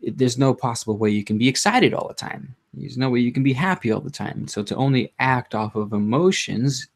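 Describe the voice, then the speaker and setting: Low-key man with a gravelly, creaky voice. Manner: rambling, halting, self-interrupting; low-energy, subdued. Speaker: livestream host. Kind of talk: casual live chat to viewers.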